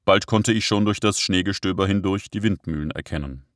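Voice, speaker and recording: Low-voiced man reading an audiobook. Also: a little fast, fairly bright tone, dry recording, studio quality. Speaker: narrator. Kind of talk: audiobook narration.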